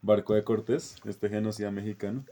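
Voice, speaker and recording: A man's voice: fairly low pitch, flat delivery, a little fast, dark tone. A man retelling a film plot in casual chat, full of fillers, restarts and laughter. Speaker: podcast co-host retelling a film.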